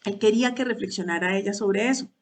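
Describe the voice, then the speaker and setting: A woman's voice: medium pitch, quick pace. A woman leading a Bible study talk for women, hesitant at times, repeating words and asking rhetorical questions.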